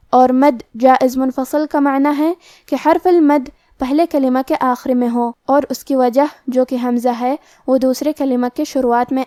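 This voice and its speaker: A woman's voice: high voice, dark tone, dry recording, clean studio sound. A woman teaching the rules of Quran recitation, explaining each rule step by step. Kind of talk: tajweed lesson.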